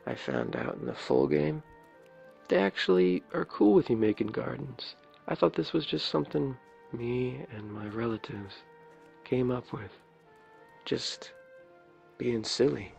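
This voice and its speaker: Showing his game builds, a video creator talks a little slowly in a soft, hesitant, wandering ASMR style. His voice is low, raspy and crackly, captured on a dull, muffled lo-fi mic, with game music audible behind him.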